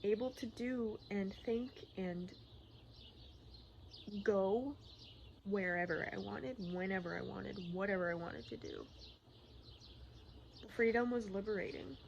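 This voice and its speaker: A woman talking candidly in a personal vlog, in a rambling, halting, casual way, often repeating herself. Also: medium pitch, muffled recording. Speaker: personal vlogger. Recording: clearly noisy outdoor-like ambience, birdsong. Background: birdsong and environmental noise.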